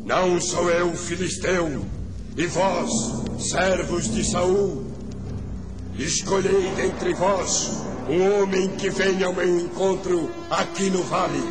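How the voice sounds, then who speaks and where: An actor playing a boastful giant warrior in a children's Bible story, declaiming menacing challenges in a booming voice. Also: male voice, steady tone, takes it slowly. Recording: music under the voice.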